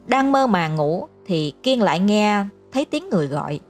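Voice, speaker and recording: Brief: female narrator for a ghost story, even and steady, faint music underneath. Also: medium pitch, normal speed.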